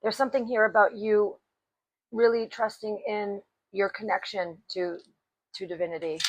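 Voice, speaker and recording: Woman, tarot reader, unhurried, deliberate delivery, mid-pitched voice. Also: fairly even intonation, no echo, muffled recording. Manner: speaks slowly and deliberately, clears throat often. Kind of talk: tarot reading to camera.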